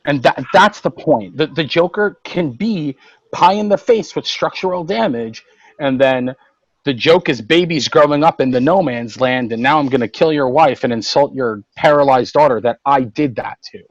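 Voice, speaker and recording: A man co-hosting a casual roundtable podcast, retelling comic book plots in animated detail. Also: medium pitch, normal speed, no echo, lo-fi sound. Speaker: podcast co-host.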